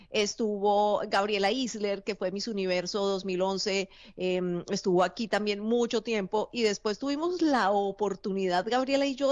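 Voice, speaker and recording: A woman who coaches people for camera work, telling lively stories in an interview. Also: medium pitch, dry recording, muffled recording. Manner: lively storyteller, acts out quoted dialogue. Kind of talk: interview conversation.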